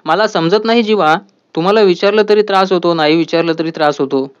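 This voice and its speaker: Calm, firm young wife, a man reading her lines; fairly high voice, lo-fi sound. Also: quick pace, smooth, natural voice. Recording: dull lo-fi audio.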